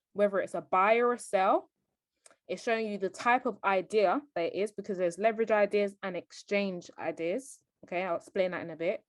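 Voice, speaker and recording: A woman provides the voice-over for a screen-recorded trading lesson, explaining each step and often checking with the viewer, "okay?". She speaks in a mid-range voice, and there's no room sound.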